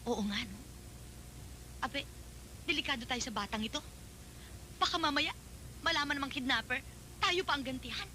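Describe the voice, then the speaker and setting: An actress playing an excitable, worrying aunt with some romantic vanity in a comedy-drama film. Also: female voice, sits high, normal speed, long pauses, a little hiss or hum. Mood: worried.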